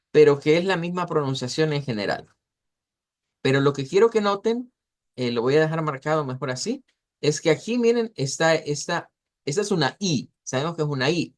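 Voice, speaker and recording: Man teaching pronunciation, repeating words. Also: fairly high pitch. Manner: explanatory, repeats words slowly to model sounds. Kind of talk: online class lecture.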